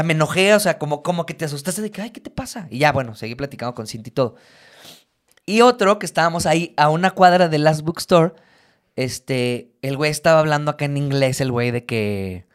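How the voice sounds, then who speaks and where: A young man with a Mexican Spanish accent, chatting casually as a co-host, telling stories with lots of swearing and animation. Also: on the high side. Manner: animated storyteller, swears freely. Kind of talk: casual chat.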